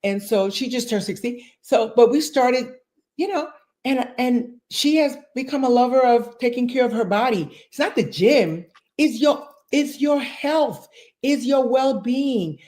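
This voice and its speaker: Emphatic woman in her sixties, higher voice. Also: animated, unhurried, warm tone. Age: 60s. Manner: emphatic, repeats phrases for emphasis. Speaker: fitness and nutrition coach. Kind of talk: interview guest.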